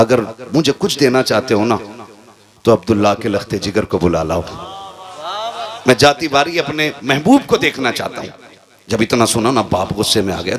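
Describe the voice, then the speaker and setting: A man from India preaching a sermon as a dramatic story, acting out the characters, moving from hushed low tones to high impassioned cries. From Moradabad, India. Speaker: Islamic preacher.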